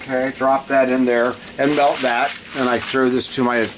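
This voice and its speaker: A man's voice: mid-range voice, moderate pace. Man rambling through a cooking vlog, hissy recording. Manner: rambling, often breaks off to handle things. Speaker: home cook showing a recipe on video. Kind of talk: casual cooking vlog chat. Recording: loud steady hiss behind voice. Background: loud hissing.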